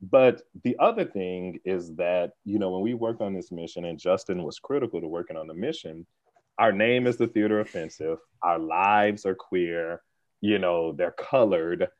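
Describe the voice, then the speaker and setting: Man guest on a podcast, lively storyteller, lowish voice, dull dry recording. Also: no room sound. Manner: animated storyteller, laughs often, quick bursts. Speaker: guest, theater organization leader. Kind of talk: conversational podcast interview.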